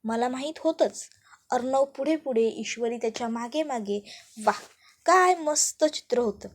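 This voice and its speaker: A scheming young woman, voiced by a female narrator, mutters sly asides to herself in a high voice. The tone stays secretive and self-satisfied throughout this told serial drama. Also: normal speed, close to an everyday voice. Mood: gloating.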